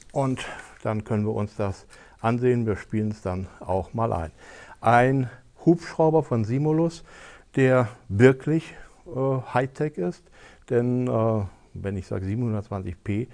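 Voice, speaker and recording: Low, mellow man demonstrating a gadget. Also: creaky. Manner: chatty, explains step by step, with frequent "äh" fillers. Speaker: host of a tech advice show. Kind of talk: casual product demonstration.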